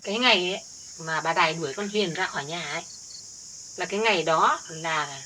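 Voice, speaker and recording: A woman's voice: fairly low pitch, brisk, sharp tone. A middle-aged woman playing a village woman who earnestly insists she is telling the true story. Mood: insistent. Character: older village woman defending her family. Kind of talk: village family drama acting.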